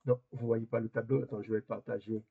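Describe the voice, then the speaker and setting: A man's voice: mid-range voice, flat delivery, fast, creaky, slightly rough, phone-quality sound. A man teaching a Hebrew lesson over a video call, explaining hesitantly and repeating words as he goes. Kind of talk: online class explanation.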